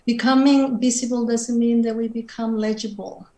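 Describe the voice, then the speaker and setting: A middle-aged woman with a Mexican Spanish accent, a native Spanish speaker, speaks in a fairly high voice. She answers slowly and thoughtfully on a panel, pausing to search for the right words. Her video-call audio sounds roomy and echoey. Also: fairly even intonation, mellow. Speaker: panelist writer. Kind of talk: reflective panel conversation.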